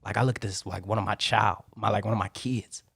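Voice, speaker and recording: A man's voice: lowish voice, steady tone, fast talker, vocal fry, fairly bright tone, slightly rough, no room sound, clean studio sound. A man speaking as a guest on a podcast, earnest and heartfelt, opening up with plenty of emotion. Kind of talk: casual podcast interview. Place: podcast studio, in person with host. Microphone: studio microphone.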